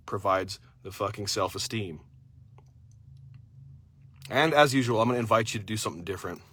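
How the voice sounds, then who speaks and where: A man delivers a fierce motivational rant, swearing at every turn and pushing his listeners hard. His voice is forceful and bright, and it sounds close and dry with no room around it. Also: lowish voice, dry recording. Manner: intense, blunt, swears constantly. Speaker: motivational speaker; father.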